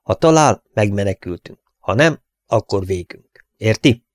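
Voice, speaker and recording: A man's voice: lowish voice, expressive, dry recording, studio quality, lightly acted. A man voicing a tough young cowboy hero who gives short, commanding orders. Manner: terse, commanding.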